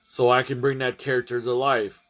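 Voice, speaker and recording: A man's voice: mid-range voice, flat delivery, normal speed, fairly bright tone, soft background music. A man chatting casually to his livestream audience, rambling and often restarting and repeating his phrases. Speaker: streamer.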